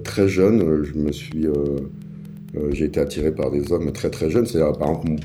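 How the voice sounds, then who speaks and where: A man in his forties from the Paris suburbs, telling his life story as an interview guest, halting often with fillers and restarts. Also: extremely low pitch, fairly even intonation, mellow, soft background music. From Paris suburbs, France. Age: 40s. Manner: hesitant, many fillers and restarts.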